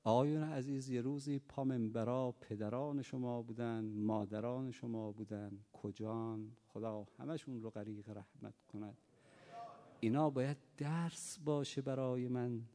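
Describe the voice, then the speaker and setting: A man preaching a sermon, telling stories and moving from soft speech to loud emphatic cries, in a reverberant hall. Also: medium pitch, steady tone. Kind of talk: sermon with storytelling.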